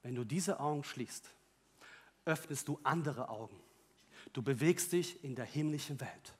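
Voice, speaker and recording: A man preaching a sermon, moving between loud emphatic calls and quiet, joking personal asides. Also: mid-range voice, measured pace, breathy edge.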